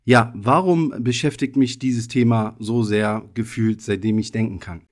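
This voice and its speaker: A man's voice: fairly low pitch, steady tone, moderate pace, darkish tone. A man in his thirties who grew up in Germany, hosting his own podcast in a casual, reflective monologue with loose wording and many hedging fillers. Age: 30s. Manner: thoughtful, personal, loose with frequent hedging fillers. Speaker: podcast host.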